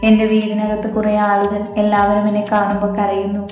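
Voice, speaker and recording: A woman tells a story in a mellow, flat, steady voice. The recording has a roomy echo, and soft background music plays under her narration. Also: medium pitch, fairly quick. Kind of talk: scripted narration.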